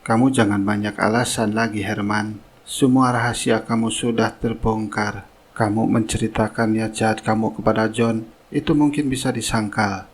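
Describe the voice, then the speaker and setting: A man with a husky voice on the low side plays a dignified older company boss and father in a cartoon melodrama, speaking in a measured, authoritative way.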